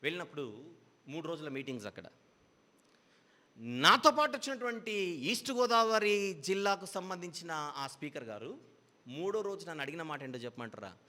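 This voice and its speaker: Bright-voiced male preacher in a hall. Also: a little high, sing-song, normal speed, long pauses. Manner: explains patiently with repeated parallel phrases. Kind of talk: Bible teaching sermon.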